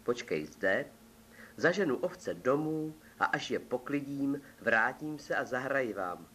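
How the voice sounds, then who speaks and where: A man's voice: mid-range voice, lively intonation, fairly bright tone, a little hiss or hum, lightly acted. A brave young shepherd boy from a fairy tale answers with eager earnestness, his voice lifted a little above a grown man's. He sounds willing and sincere, as a man reading the story voices him. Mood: eager earnest.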